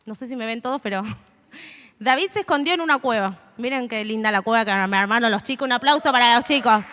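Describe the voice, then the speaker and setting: A woman's voice: fairly high pitch, fast talker, sharp tone, a faint crowd, slight background noise. A woman in her twenties giving an informal, hesitant sermon to a live audience, with many fillers and restarts. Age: 20s. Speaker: youth church speaker. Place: stage in a hall before an audience. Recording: long hall reverb.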